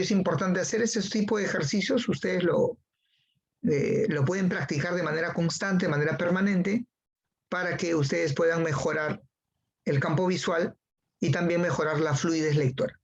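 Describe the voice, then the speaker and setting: A man's voice: a little high, muffled recording. A man teaching a class, who repeats key phrases and calls on students by name. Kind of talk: online class lecture.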